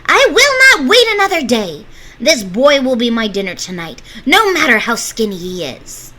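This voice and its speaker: A woman voicing a cranky, greedy old witch in a storybook read-aloud, loud and snapping. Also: lowish voice, very animated, unhurried, slightly rough, exaggerated voice, rough recording.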